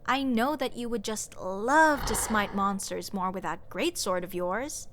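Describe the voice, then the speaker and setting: In a fantasy audio roleplay set against dungeon ambience, a woman plays a snarky young sorceress, an exasperated adventurer who scoffs and nitpicks. She addresses the listener sarcastically, emphatically and conversationally. Her voice is mid-range, natural and a bit bright at a measured pace, with a little hiss or hum.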